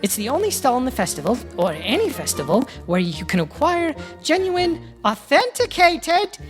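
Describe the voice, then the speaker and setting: A game master voicing a haughty halfling woman merchant who delivers a theatrical, drawn-out sales pitch. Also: sing-song, soft background music.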